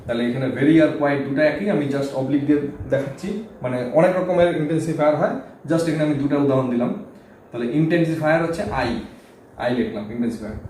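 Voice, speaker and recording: A man's voice: on the high side, fast talker, darkish tone. A man teaching English grammar in Bengali, explaining step by step and often checking "okay?" with his students. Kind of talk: board lesson explaining grammar. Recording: very echoey room, faint background hum.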